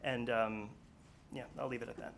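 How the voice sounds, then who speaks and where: A man speaks at a town commission meeting, earnest and a little nervous. His voice sits at an ordinary pitch, with many ums and restarts, over faint room noise. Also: steady tone, a bit bright. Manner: earnest, halting with many fillers. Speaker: public commenter. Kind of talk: public comment at a town meeting.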